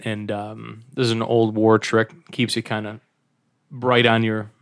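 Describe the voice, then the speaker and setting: A man playing a tabletop game, casually describing his character's actions in a halting, improvised way. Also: fairly low pitch, monotone, gravelly.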